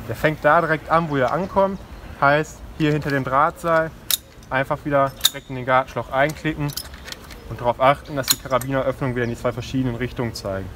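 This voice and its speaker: Outdoors on a forest ropes course, a climbing instructor in his 20s with a fairly high voice explains safety in a relaxed way while demonstrating. The recording, made on a camera mic a few steps off, is clear but carries passing cars, clinking gear and general outdoor sound.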